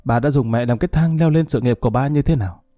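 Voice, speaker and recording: A man's voice: mid-range voice, fast talker, mellow, dry recording, clean studio sound, close to an everyday voice. A man voicing a grieving young man who answers his father with cool, mocking sarcasm. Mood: bitter.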